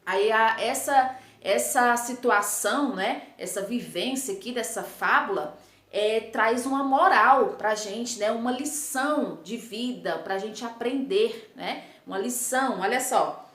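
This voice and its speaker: A Brazilian woman teaching a phonics lesson in a high, bright voice. She talks slowly and patiently, drawing out sounds and checking in with little tag questions. The recording has a noticeable echo from the room. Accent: Brazilian Portuguese. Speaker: primary school teacher.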